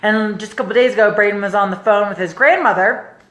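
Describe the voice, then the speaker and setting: A woman's voice: mid-range voice, quick pace. Chatty young woman, echoey room. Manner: animated, chatty, acts out others' voices. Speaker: life coach. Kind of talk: casual storytelling to camera.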